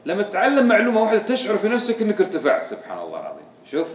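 A man's voice: high voice, huge pitch swings, rapid-fire. A man giving a religious lesson, quizzing his students with repeated questions. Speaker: religious teacher. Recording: echoey room, voice from far off.

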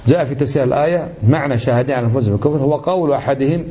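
A man delivers a religious lesson at a quick clip, his tone dark and mellow. He presses his points with indignant rhetorical questions. The recording is slightly dull and lo-fi. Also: medium pitch, slight background noise. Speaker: religious teacher.

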